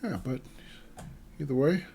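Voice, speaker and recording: A man streams a game live and chats casually with his viewers, reading messages aloud and greeting people by name. His mid-range voice is dark and breathy with vocal fry, and he speaks at a measured pace.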